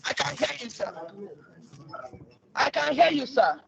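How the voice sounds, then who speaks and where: A woman's voice: high-pitched, lively intonation, unhurried, vocal fry, fairly bright tone. A woman student on an online class call, answering politely and often, her voice choppy and muffled as the stream quality drops. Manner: polite, repeats "sir" while checking the connection. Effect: choppy, muffled online call audio with a dropping stream. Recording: muffled lo-fi call audio, crowd behind.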